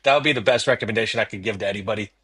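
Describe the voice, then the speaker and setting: A man's voice: lowish voice, racing, sharp tone, slightly rough, no room sound. A man working as a team beat reporter in a casual sports chat, leaning on fillers like "you know" and "I mean".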